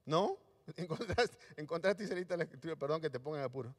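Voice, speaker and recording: A fast-talking man with a fairly high pitch and lively intonation preaches a sermon in a church hall, acting out the voices of Bible figures for the congregation. It comes from a live stream in a reverberant hall.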